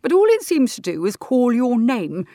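A woman voicing a stern, exasperated middle-aged male schoolteacher who talks in a brisk, scolding way. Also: a little high, huge pitch swings, dark tone, dry recording, clean studio sound, pitched above the performer's own voice.

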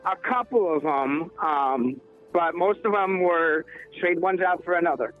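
A man's voice: fairly high pitch, unhurried, soft background music. A man in his thirties calling in to a radio show, answering questions in a casual, hesitant way with lots of filler words. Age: 30s. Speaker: caller. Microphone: phone. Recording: tinny phone line.

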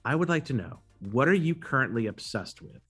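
A man hosts a podcast interview in a bright, forward voice. His pitch sits in an average male range, and he puts his questions conversationally. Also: animated, a little fast, breathy edge, faint music behind.

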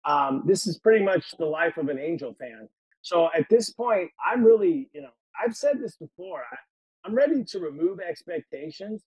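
A man on a sports podcast panel ranting in an exasperated way, with halting restarts. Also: a little high, sing-song, a little mellow, breathy edge, no room sound, low-quality recording. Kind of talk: casual sports podcast rant.

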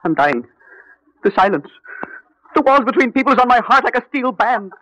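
An anguished lonely young lover. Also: male voice, very high-pitched, sing-song, moderate pace, pushed and bright, no echo, lo-fi sound, exaggerated voice. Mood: desperate. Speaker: lover in a radio drama. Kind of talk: 1940s radio acting.

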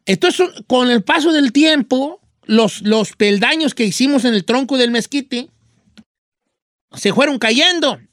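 Heavily acted and very high-pitched, this man plays a folksy old Mexican-accented rancher on a call-in radio show, rambling through a story and handing out advice in rural slang. He speaks a little slowly with lively intonation and a fairly bright tone, in clean studio sound with no room sound.

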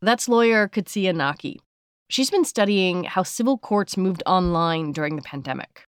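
A woman's voice: on the low side, expressive, normal speed, clean tone, no room sound, clean studio sound. A woman hosting a podcast, moving between scripted narration and interview questions. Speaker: podcast host.

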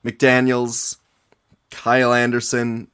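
A man's voice: mid-range voice, completely flat delivery, takes it slowly, a bit bright, smooth. A man co-hosting a casual sports podcast in an informal, conversational way. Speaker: podcast co-host.

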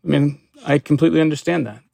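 A man with a gravelly edge answers interview questions as a lawyer, slowly and with care. He restarts often and pads his answers with fillers. The sound is dry and close. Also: fairly high pitch, dark tone, no echo. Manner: measured, hesitant, many fillers and restarts. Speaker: consumer protection lawyer.

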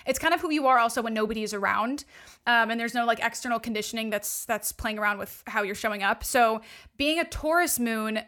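A woman's voice: on the high side, a little fast, pushed and bright. A woman guest coach in casual podcast chat, gushing and full of "like" fillers as she explains astrology.

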